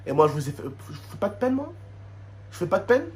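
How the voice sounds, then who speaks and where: A man's voice: sits high, big pitch swings, fast talker, a little mellow. A man with a French suburban street accent, ranting indignantly to his subscribers in street slang with Arabic interjections, repeating himself and asking rhetorical questions. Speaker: YouTuber addressing subscribers. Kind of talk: emotional spoken rant to camera.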